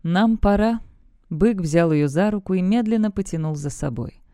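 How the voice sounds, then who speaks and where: A narrator reading a fantasy novel aloud in an even storytelling manner. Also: mid-range voice, moderate pace, smooth, dry recording, clean studio sound. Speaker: audiobook narrator.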